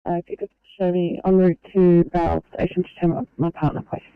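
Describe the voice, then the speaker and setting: A woman talks over a police radio channel in brisk, formal call-ins. The sound is thin and narrow like a handheld transceiver, with a dry, close feel and a crisp, clean voice. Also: fairly low pitch, flat delivery, no echo. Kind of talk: radio dispatch talk.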